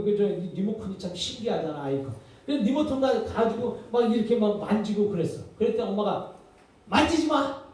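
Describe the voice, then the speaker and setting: A man's voice: high voice, mellow. A man giving a lecture on parenting, talking conversationally and quizzing his listeners with rhetorical questions. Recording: echoey hall from far off.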